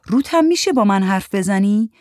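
A woman's voice: mid-range voice, expressive, a little mellow, no echo, studio quality, pitched above the performer's own voice, close to an everyday voice. A woman voicing a scornful, tough young woman smoker who talks in blunt, sneering street speech.

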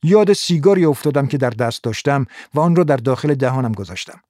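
A man's voice: medium pitch, no echo, studio quality. Man narrating a noir audiobook. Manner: steady, measured first-person reading.

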